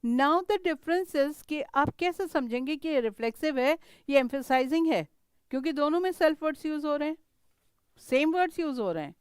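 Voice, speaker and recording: A woman's voice: high-pitched, lively intonation, normal speed, no room sound. A middle-aged woman with an Indian English accent teaching a grammar lesson. She mixes Hindi and English and keeps checking whether her students understand.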